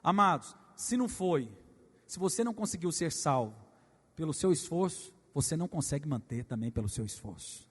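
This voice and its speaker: A pastor with a high voice preaches to his church, leading call-and-response lines with the congregation. He drops to soft asides and then bursts into shouts. His voice rings with a long hall reverb. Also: very animated, moderate pace, husky. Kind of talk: sermon.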